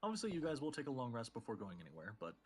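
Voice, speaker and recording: A man's voice: medium pitch, wildly swooping pitch, racing. A man running a tabletop game as game master, laid-back with many fillers.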